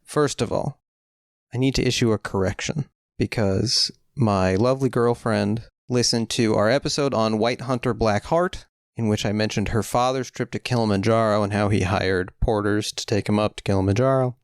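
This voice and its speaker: Recorded dry with studio quality, a man with a voice on the low side speaks at a moderate pace. He's a podcast co-host in relaxed conversation, rambling, joking, and riffing on tangents.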